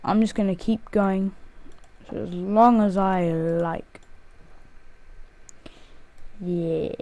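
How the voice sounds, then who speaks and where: This male gaming host has a high-pitched, slightly mellow voice with a steady tone and a very slow delivery. As he plays, he rambles casually, counts out loud, and mocks himself.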